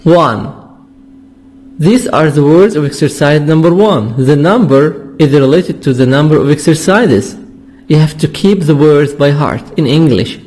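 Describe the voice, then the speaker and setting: Arabic-speaking male English teacher, slow, higher voice, repeats each word for drilling. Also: darkish tone. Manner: repeats words slowly to drill pronunciation. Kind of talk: vocabulary lesson explanation.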